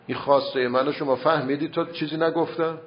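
A man's voice: fairly high pitch, fairly even intonation, dull audio, a little hiss or hum. A man teaching a seminary class, patiently explaining and arguing a point with many rhetorical questions. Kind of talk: classroom debate on grammar and logic.

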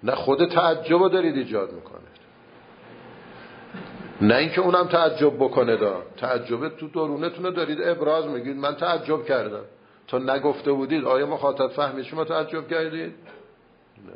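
A man's voice: fairly high pitch, dull audio. A man teaching a seminary class, patiently explaining and arguing a point with many rhetorical questions. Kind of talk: classroom debate on grammar and logic.

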